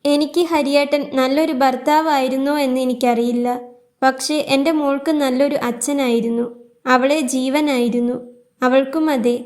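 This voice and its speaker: A woman voicing a weary, grieving young widowed mother who speaks in a soft, tearful, pleading way. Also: high-pitched, fairly even intonation, normal speed, natural voice. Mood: sorrowful.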